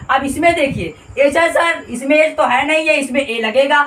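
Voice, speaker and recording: A man's voice: very high-pitched, moderate pace, fairly bright tone. A male grammar teacher explaining a lesson, repeating points and quizzing listeners with constant questions. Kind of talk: classroom explanation. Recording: echoey room, distant mic.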